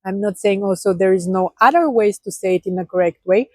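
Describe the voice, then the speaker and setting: A woman in her thirties with a Bulgarian accent explains pronunciation in English, patient and earnest. She often circles back and rephrases. Her mid-pitched voice sits in a dry, close recording. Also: a little fast, dry recording, low-quality recording. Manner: earnest, repeats and rephrases, demonstrates sounds. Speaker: language teacher. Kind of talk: explanatory video lesson.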